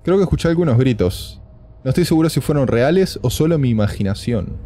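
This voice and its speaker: A man's voice: mid-range voice, animated, brisk, mellow. A man doing horror game commentary for a gaming video, joking and nervous as he talks through the game.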